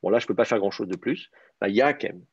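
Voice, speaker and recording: A man's voice: lowish voice, steady tone, quick pace, darkish tone, breathy edge, no room sound, muffled recording. A man teaching a Hebrew grammar class online, explaining step by step and thinking aloud with many hesitations.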